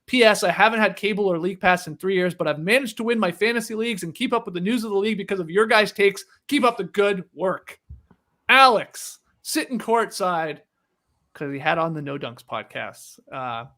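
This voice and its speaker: A man's voice: high-pitched, expressive, a little fast, sharp tone. A man hosting a podcast, reading a listener email aloud and then chatting casually with fillers. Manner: reads steadily, then chats with filler words.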